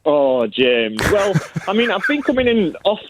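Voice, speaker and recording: A man's voice: high-pitched, big pitch swings, measured pace, noisy background. A man from Leeds with a Yorkshire accent, chatting casually as a cheerful, blunt caller on a radio show and acting out what people said. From Leeds, England. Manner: cheerful, blunt storytelling with acted-out quotes. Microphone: phone call. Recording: tinny narrow phone line.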